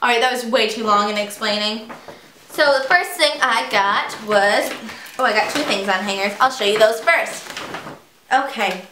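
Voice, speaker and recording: A woman's voice: on the high side, moderate pace, noisy background. Bubbly young woman in echoey room. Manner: chatty, bubbly, self-teasing asides. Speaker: vlogger. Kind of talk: casual haul video chat.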